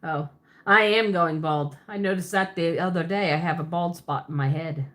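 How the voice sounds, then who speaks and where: Speaking at a normal pace in a lowish but fairly bright voice, the host chats with her livestream viewers. She's from Pennsylvania, with a Pennsylvania Dutch accent and a hint of the South, and her answers ramble, full of laughter and self-corrections.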